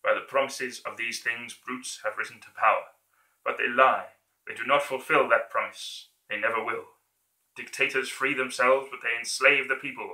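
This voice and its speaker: A man's voice: mid-range voice, fairly even intonation, moderate pace, bright, forceful tone. A man playing an earnest, humble orator in a theatrical dictator speech, declaimed with emphatic repetition and fervent appeal. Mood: fervent, rousing. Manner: declamatory, emphatic repeated phrases, building to fervent exhortation. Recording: echoey room.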